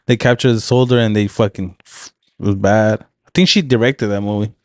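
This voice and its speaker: A man's voice: fairly low pitch, fairly even intonation, normal speed, dry recording, clean studio sound. A laid-back young man from Long Beach, co-hosting a casual podcast and cracking wisecracks. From Long Beach, California. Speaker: podcast co-host.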